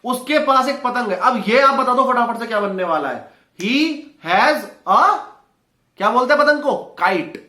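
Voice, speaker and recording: A man teaching an English lesson in Hindi, quizzing viewers with quick rhetorical questions. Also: very high voice, animated, sharp tone. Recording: roomy echo.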